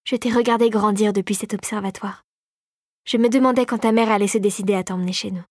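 A woman's voice: medium pitch, steady tone, quick pace, dry recording, clean studio sound, close to an everyday voice. Woman reading a confiding fairy-tale regent. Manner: gentle and confiding. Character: warm conspiratorial adult female regent of a magic realm. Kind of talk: storybook reading.

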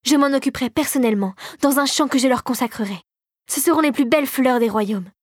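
A woman's voice: sits high, quick pace, dry recording, clean studio sound. A woman voicing an eager, proud male regent who tends flowers, in an audiobook, speaking earnestly.

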